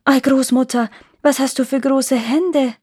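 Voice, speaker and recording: A woman voicing a trusting little girl in a fairy tale reading, talking high and eager. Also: expressive, normal speed, no echo, studio quality. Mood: wondering. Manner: bright, eager, chattering.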